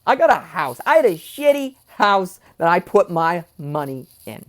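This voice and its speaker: A man's voice: high-pitched, sing-song, moderate pace, a bit bright. A young man venting angrily in a personal vlog, swearing and going off on tangents. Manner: angry, swearing, goes off on tangents. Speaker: vlogger.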